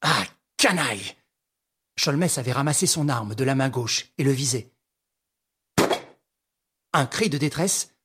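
A man narrating a classic novel aloud in a slow, measured, dramatic reading. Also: mid-range voice, a bit bright, breathy edge.

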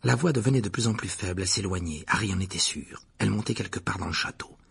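A man reading a novel aloud as narrator, with an expressive, varied delivery. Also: deep voice, quick pace, gravelly, breathy edge. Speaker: audiobook narrator. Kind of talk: storybook reading with character voices.

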